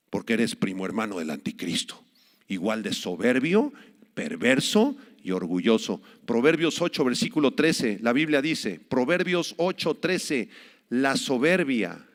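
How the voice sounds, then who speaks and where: A male pastor preaching a sermon emphatically, with dramatic swings in loudness, recorded in a reverberant hall. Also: medium pitch.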